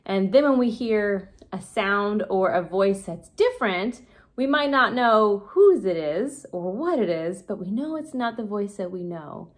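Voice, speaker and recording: Playful woman leading a kids' lesson. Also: mid-range voice. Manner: playful, explaining step by step to kids. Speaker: children's pastor. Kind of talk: children's church lesson with a craft.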